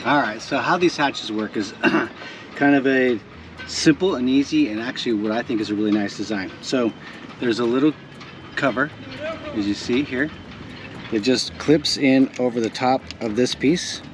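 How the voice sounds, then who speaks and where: A man's voice: medium pitch, normal speed, a little hiss or hum. A North American man, a sailing vlogger, explaining things casually to the camera aboard a boat. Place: on a sailboat.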